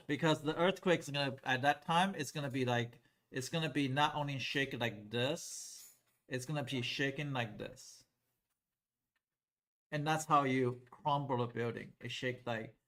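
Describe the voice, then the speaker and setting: A middle-aged man from Taiwan teaching a math class in a classroom, lively and asking the class questions. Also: mid-range voice. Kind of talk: classroom lecture at a whiteboard.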